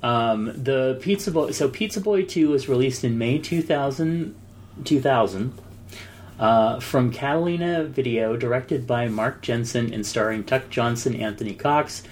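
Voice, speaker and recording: A man's voice: mid-range voice, a little slow, a little mellow, a little hiss or hum. A man in his thirties co-hosting a podcast, chatting casually and reading listener mail in a rambling way. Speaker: podcast co-host. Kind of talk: casual chat.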